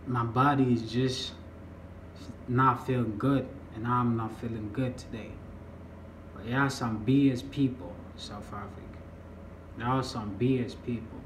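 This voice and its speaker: A young man from the United States chats to his phone camera in an unhurried, drawling way, often trailing off mid-thought. His middle-pitched voice is recorded at arm's length in a small room that rings with echo, with a faint hiss behind it. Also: a bit bright. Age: young adult. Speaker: vlogger. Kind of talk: casual vlog to camera.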